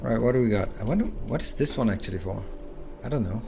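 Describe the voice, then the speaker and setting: A man's voice: fairly low pitch, lively intonation, quick pace, gravelly, over music. A man playing a puzzle game blind, muttering his reasoning aloud and mocking himself. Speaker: gaming video host.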